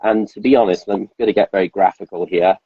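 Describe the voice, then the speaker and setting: A man's voice: deep voice, fairly even intonation, fast talker, slightly rough, no echo. A man, a podcast host, chatting casually and rambling, with lots of fillers and restarts. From Wales. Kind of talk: casual chat. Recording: dull, lo-fi sound.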